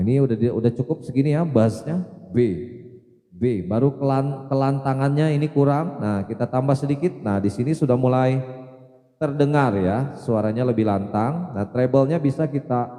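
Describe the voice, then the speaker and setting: A man's voice: mid-range voice, warm tone. A man presenting an audio equipment tutorial, explaining mixer settings step by step and repeating test syllables into the microphone. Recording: long reverb from an effects unit.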